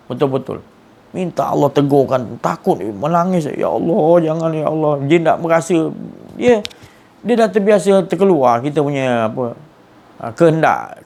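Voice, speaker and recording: A man's voice: fairly high pitch, expressive, normal speed, a little mellow. A man giving an earnest religious lecture, often repeating and restarting words. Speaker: religious teacher.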